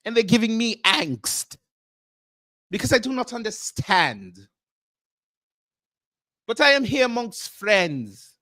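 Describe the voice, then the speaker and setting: On a livestream, a male host plays a comedic character: a pompous, jet-setting self-styled prince with a fake Nigerian accent. His voice is high, slow, deliberate, formal and grandiose, with a sing-song, sharp, exaggerated quality. The recording is close and dry with no room sound.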